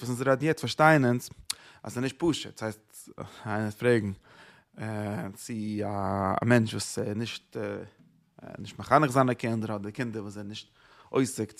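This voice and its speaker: A man's voice: lowish voice, creaky. Man giving a rambling religious lecture. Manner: explains in loose repeated phrases, with rhetorical questions; hesitant, many pauses and fillers. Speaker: Torah teacher.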